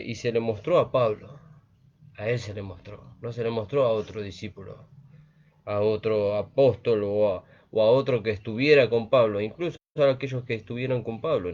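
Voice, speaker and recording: Earnest preacher, lo-fi sound. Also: male voice, lowish voice, moderate pace, darkish tone. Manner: earnest, repeats phrases with frequent "¿vio?". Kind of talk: sermon. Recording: dull lo-fi recording.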